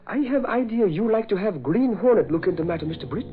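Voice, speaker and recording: Cato, deferential valet, old radio. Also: male voice, high voice, animated, fast talker. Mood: earnest, deferential. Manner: clipped broken English, deferential. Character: faithful Filipino valet, earnest, deferential sidekick. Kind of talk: 1940s radio acting. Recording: dull vintage radio recording.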